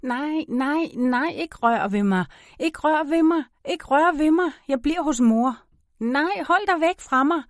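A small, frightened boy cries out for his mother in an audiobook reading, voiced by a woman. The voice is pitched far above her own and rings out loud and desperate. The recording is close and dry. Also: steady tone, hardly any pauses, no room sound. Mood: panicked. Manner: pleading, panicked crying out. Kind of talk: audiobook character voice.

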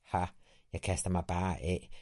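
A man's voice: low voice, fairly even intonation, a little mellow, voice pushed down. A man voicing a grumpy, defiant little boy in a children's audiobook, sounding scornful and stubborn. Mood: boastful. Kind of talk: audiobook character reading.

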